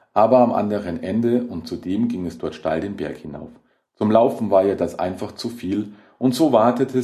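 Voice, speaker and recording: A man narrating a horror short story in a measured, dramatic reading. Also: on the low side, dark tone. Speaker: audiobook narrator.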